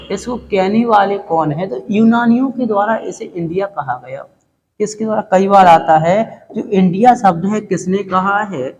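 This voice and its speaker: A man's voice: high-pitched, darkish tone, muffled recording, a little hiss or hum. A male teacher giving a classroom lecture, asking questions and answering them himself, repeating key words with folksy, joking asides. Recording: long hall reverb.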